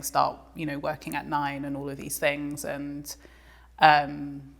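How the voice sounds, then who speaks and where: A woman's voice: sits low, vocal fry. A woman, a composer talking reflectively as an interview guest, with many ums and restarts. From England. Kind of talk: casual interview conversation.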